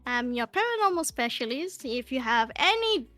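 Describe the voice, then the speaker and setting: A woman's voice: sits high, big pitch swings, moderate pace, a bit bright, soft background music. A woman guest on a streamed talk show, chatting playfully and teasing the host. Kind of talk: casual live-stream chat.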